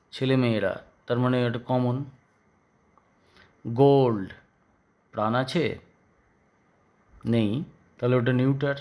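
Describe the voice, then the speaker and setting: Slow, halting Bengali teacher, man. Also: medium pitch, darkish tone. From West Bengal, India. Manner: slow, halting, repeats words for pupils. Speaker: school English teacher. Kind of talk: classroom grammar lesson.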